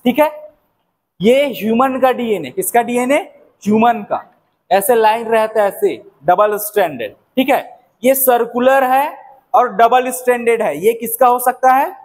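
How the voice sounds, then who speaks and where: A man's voice: very high-pitched, measured pace. A young man teaching a biology lesson, who keeps asking questions and answering them himself. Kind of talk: classroom-style lecture.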